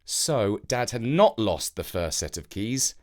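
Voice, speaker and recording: Narrating a children's story, this voice holds a medium pitch yet swings up and down dramatically, with phrasing that is expressive and deliberate.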